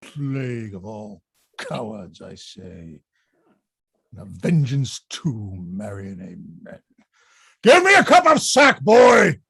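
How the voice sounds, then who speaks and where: Male actor as fat old rogue knight, boozy bluster, gravelly rasp, theatrical Shakespearean grumbling, close dry sound. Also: on the high side, big pitch swings, takes it slowly, darkish tone, no room sound, full character voice. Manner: grumbling drunkard's bluster, swinging from muttering to bellowing. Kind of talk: reading of Shakespeare play.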